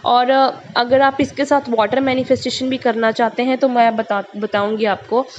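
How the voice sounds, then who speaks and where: A tarot channel host, a young woman, chats easily with her viewers at a moderate pace, her voice slightly high and sprinkled with casual English fillers. The audio is muffled and lo-fi, with a faint hiss.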